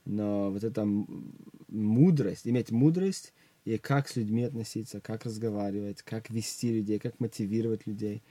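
Dark, husky young man, earnest. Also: fairly low pitch, normal speed, no echo. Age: young adult. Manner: earnest, restarts words often. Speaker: guest youth minister. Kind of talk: religious interview talk.

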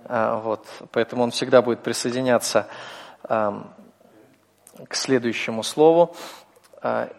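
A man's voice: medium pitch, unhurried, creaky, pauses often, darkish tone, in a large hall. A man teaching a class, explaining step by step in a patient manner with frequent hesitations. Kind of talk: classroom lecture.

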